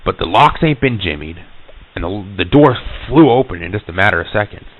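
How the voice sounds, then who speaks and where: A man's voice: on the low side, expressive, a little fast. A man telling a personal ghost story in a rambling, folksy, profane way with many restarts, recorded on lo-fi reel-to-reel tape.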